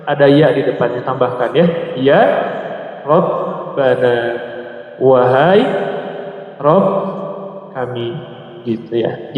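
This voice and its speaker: A man's voice: on the high side, darkish tone. Man teaching in an echoing mosque. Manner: quizzes listeners, repeats words slowly. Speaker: Islamic teacher. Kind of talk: classroom Arabic grammar lesson. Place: mosque hall. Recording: echoey hall with long reverb.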